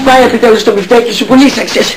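In a comedy sketch, a man plays a weary, fussing middle-aged mother, scolding in an exasperated tone. His voice is very high-pitched with fairly even intonation, and music plays behind him.

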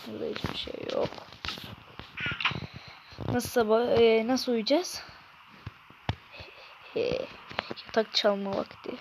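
High-voiced woman narrating gameplay. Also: steady tone, slow, gravelly, pauses often, heavy background noise. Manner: chatty, frequent exasperated outbursts. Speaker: gaming YouTuber. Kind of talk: casual game commentary.

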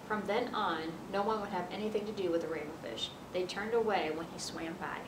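An American woman in her thirties reading a picture book aloud to children. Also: a little fast. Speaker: children's library storyteller. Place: library children's area, indoors. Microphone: camera a few feet away. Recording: roomy, distant mic with noisy rumble.

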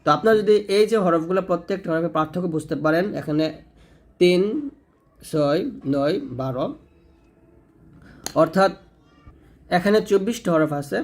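A man teaching pronunciation step by step, stretching out each sound as he demonstrates it. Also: a little high. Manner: slow drawn-out demonstration of sounds.

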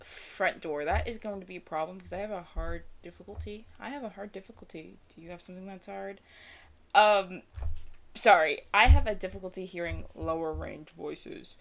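A woman's voice: fairly low pitch, brisk, vocal fry, hardly any pauses. A young woman giving casual, self-deprecating commentary while playing a game, chatty and nervous. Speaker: gaming streamer. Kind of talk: casual let's-play commentary.

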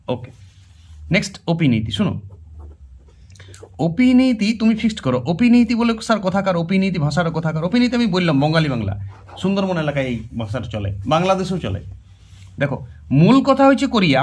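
Animated man teaching Bengali grammar. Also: sits high. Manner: emphatic, repeats key words, addresses students directly. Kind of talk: exam-prep lesson.

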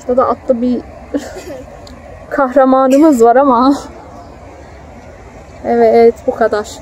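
A mother films a family outing at a theme park, chatting casually with a child and pointing things out for her outdoor vlog. Her fairly high voice is steady, slow and a little mellow. The audio is poor, captured on a handheld phone with outdoor ambient noise.

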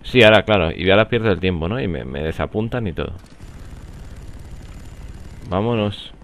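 A young man with a Spanish accent from Spain, rambling and joking through live gameplay commentary, with sudden excited outbursts. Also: low-pitched, normal speed, slight background noise. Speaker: gaming commentator.

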